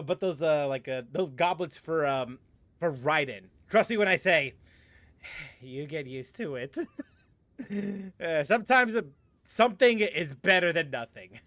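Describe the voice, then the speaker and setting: A gaming streamer chats loosely with viewers while playing, rambling, laughing a lot and restarting his sentences. His voice is fairly high and a little bright, with no room sound at all.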